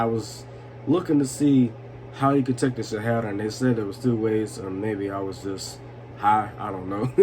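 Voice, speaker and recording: A man in his twenties telling personal stories in a casual, profane, slangy way, tipsy and rambling with chuckles. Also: medium pitch. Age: 20s. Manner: slangy, repeats "you know what I'm saying". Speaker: storytelling vlogger. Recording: noisy room with steady background noise.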